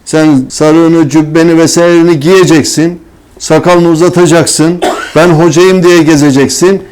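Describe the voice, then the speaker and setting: A man's voice: a little high, steady tone, a little slow, a little mellow, slight background noise. A man giving a sermon-style religious talk who asks rhetorical questions and answers them himself, often in a scolding, mocking tone. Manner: scolding, mocking tone toward hypocrites. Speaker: religious teacher.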